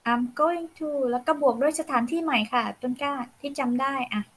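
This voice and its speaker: A woman's voice: high voice, normal speed, fairly bright tone. A woman teaching an English pronunciation lesson to children, patiently coaching each sound.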